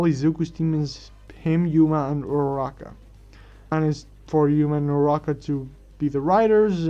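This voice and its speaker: Male fan-story reader, casual and halting with self-corrections; mellow, slightly high voice. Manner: stumbling restarts and self-corrections. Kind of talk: reading a fan story aloud. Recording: dull lo-fi recording.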